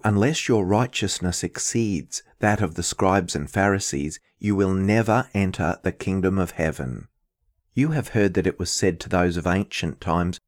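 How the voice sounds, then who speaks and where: A man reading the Gospel as a minister in a measured, formal, liturgical style. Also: sits low.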